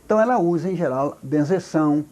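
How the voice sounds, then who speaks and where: An older man from Brazil with a Brazilian Portuguese accent, a folklorist explaining things slowly in an interview, halting with many repeated words and restarts. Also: a little high, expressive, a little mellow, highs cut off. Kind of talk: recorded oral history interview.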